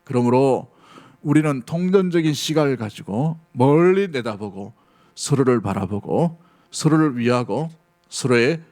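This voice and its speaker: A middle-aged man preaching a sermon to his congregation at a steady, middling pitch. He talks earnestly and in an everyday way, often turning to his listeners with questions. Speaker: pastor.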